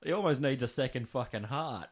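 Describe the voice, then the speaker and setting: A man's voice: medium pitch, a little fast. A man co-hosting a podcast, trading crude jokes in casual banter. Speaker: podcast co-host.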